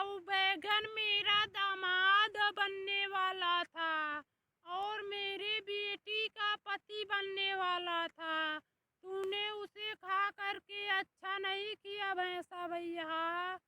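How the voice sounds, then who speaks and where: Woman playing a fussy vegetable mom, coaxing and scolding, very high, bright voice, slow talk. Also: steady tone, slight background noise, full character voice.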